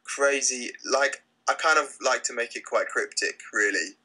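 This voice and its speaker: Bright-voiced British man, halting and relaxed. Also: medium pitch, low-quality recording. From Britain. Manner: relaxed, hesitant, lots of fillers and restarts. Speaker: lead singer of a rock band. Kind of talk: casual interview.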